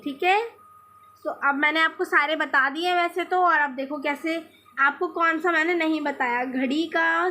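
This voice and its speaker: A young woman teaching a grammar lesson to children, patiently repeating words slowly as she writes them out. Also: high voice, sharp tone.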